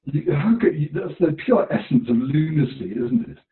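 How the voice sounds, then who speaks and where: Co-host, man, wry, sounds like he's in a cave, thin phone-like line, higher voice. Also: very animated, moderate pace. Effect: boomy, cave-like echo on his mic. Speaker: podcast co-host. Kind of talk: casual film discussion. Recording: thin, phone-like remote mic with cave echo.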